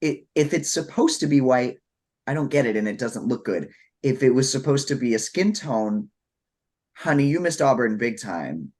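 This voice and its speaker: Man, sassy drag-queen banter, campy, mid-range pitch, casual panel review. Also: lively intonation, normal speed, darkish tone. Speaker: podcast co-host reviewing drag looks.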